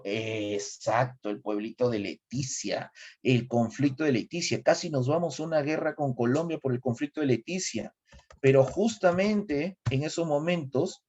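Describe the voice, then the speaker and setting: A middle-aged man with a Peruvian accent giving a lively history lecture, quizzing his students as he goes. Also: fairly high pitch. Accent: Peruvian Spanish. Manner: asks students questions, animated. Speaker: history teacher. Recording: slightly dull lo-fi recording.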